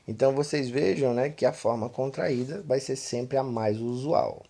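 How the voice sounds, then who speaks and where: A man's voice: mid-range voice, animated, moderate pace, creaky, mellow. A man from Pernambuco with a Northeastern Brazilian accent, teaching an online English lesson and filling his explanations with "né" and "tá". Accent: Northeastern Brazilian Portuguese. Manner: explanatory, repeats "né" and "tá" constantly.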